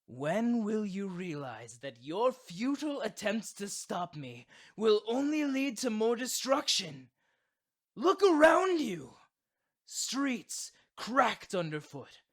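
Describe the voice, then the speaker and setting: A man voicing a proud, theatrical supervillain boyfriend who is secretly doting, in an expressive ASMR roleplay. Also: sits high, takes it slowly, exaggerated voice. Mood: menacing, grandiose.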